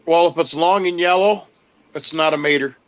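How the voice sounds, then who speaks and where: A man's voice: on the high side, normal speed, clear, resonant tone, muffled recording. A man in a casual online group chat, teasing the others playfully. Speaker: chat participant.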